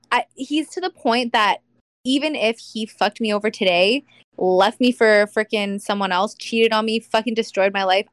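A woman's voice: mid-range voice, no echo. A woman in her thirties, a podcast guest, talking in a casual, heartfelt way, with lots of fillers. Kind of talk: casual chat.

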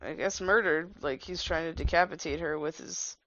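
A woman's voice: low-pitched, normal speed, a bit bright, dry recording, lo-fi sound. A woman chatting casually over a film, blunt and teasing as she comments. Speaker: movie reaction commentator. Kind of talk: casual film-watching chat.

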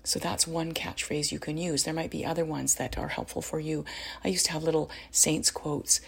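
A middle-aged woman talks through parenting advice in a deep, very breathy voice with a gravelly edge. She sounds earnest and encouraging, and often checks in with "you know" and "right?". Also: steady tone, moderate pace. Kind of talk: casual spoken advice talk.

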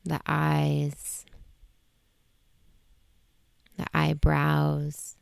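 A woman guiding a sleep meditation in a slow, soothing, hushed way. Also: low-pitched, monotone, vocal fry, clean tone, dry recording, clean studio sound. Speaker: meditation guide.

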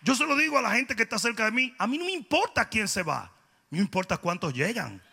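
A man with a Dominican accent preaching a humorous sermon, telling stories with comic voices and building to loud, emphatic peaks. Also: sits high, very animated, fairly quick, vocal fry, husky. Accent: Dominican Spanish. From Dominican Republic. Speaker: pastor.

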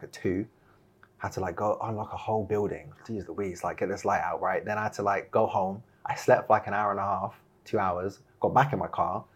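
A young man telling stories in a casual interview, chatty and animated, with many fillers and laughs. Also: lowish voice, breathy edge. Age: young adult. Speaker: guest, video production founder.

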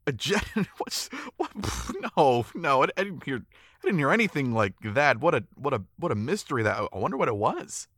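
An actor playing an eager, flustered young newlywed husband in an audio drama, often stammering. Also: male voice, medium pitch, big pitch swings, moderate pace, fairly bright tone, no echo, clean studio sound. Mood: nervous.

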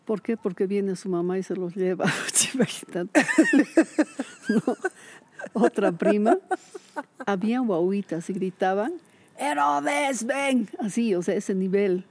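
A woman, a retired teacher chatting in an interview and telling lively stories. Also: mid-range voice, unhurried. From Bolivia. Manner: lively storyteller, acts out quoted voices, laughs often. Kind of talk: casual interview chat.

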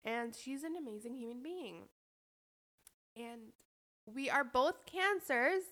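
A woman talking through her own friendship stories on a podcast, blunt and heavy on swearing. Her voice sits fairly high, and she restarts sentences often and leans on "like" as she goes. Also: animated, slow pace, pushed and bright. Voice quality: blunt, heavily profane, emphatic. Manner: frequent restarts and filler "like". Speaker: podcast host. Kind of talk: casual storytelling monologue.

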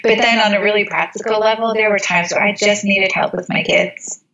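A woman guest speaking in a thoughtful, measured way, often pausing on "you know". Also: medium pitch, steady tone, gravelly, fairly bright tone, highs cut off. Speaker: interview guest. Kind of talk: reflective interview talk.

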